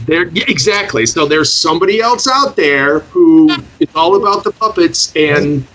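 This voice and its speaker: A man with a Michigan accent chatting casually, then leading a hypnosis induction in a slower, deeper, soothing voice. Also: animated, fairly bright tone, highs cut off. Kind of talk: hypnosis session over a call.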